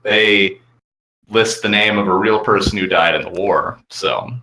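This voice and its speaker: A man's voice: fairly low pitch, a little slow, bright, forceful tone, slight background noise, low-quality recording. A man co-hosting a gaming podcast, talking in an easygoing, rambling way. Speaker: podcast co-host. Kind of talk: casual gaming chat.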